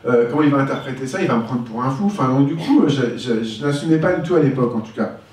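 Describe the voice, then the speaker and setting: A man's voice: medium pitch, expressive, fast talker, darkish tone, recorded from a distance. Man telling his story in an echoey room. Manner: candid, reflective storytelling. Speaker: speaker giving a talk. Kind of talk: personal testimony talk.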